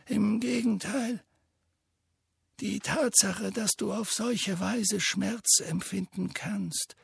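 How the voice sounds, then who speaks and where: Dumbledore, a man doing a calm old wizard. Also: sits high, gravelly, breathy edge, dry recording, clean studio sound, voice pushed up, full character voice. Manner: calm, soft, measured. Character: calm, gentle old male headmaster wizard.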